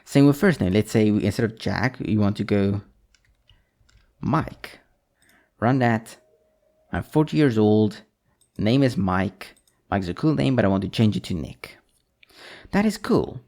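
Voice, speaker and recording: A man with a lowish, mellow, somewhat creaky voice teaches programming in a screen-recorded coding tutorial. He talks a little slowly with lively intonation and long pauses, reading code and strings aloud as he types.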